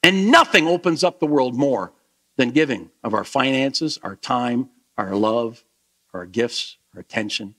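A male pastor giving a lively sermon to his church, then leading a soft closing prayer. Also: mid-range voice, unhurried. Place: church sanctuary.

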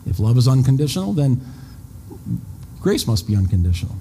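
A man's voice: medium pitch, very animated, a little fast, dark tone. A pastor in his fifties giving a sermon in a conversational way, often repeating words and making self-deprecating asides. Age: 50s. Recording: long reverb, faint background noise.

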